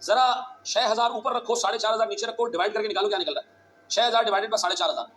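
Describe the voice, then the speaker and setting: A male teacher giving a classroom lecture, talking fast and urgently, repeating phrases and quizzing his students. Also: sits high, a bit bright, a little hiss or hum.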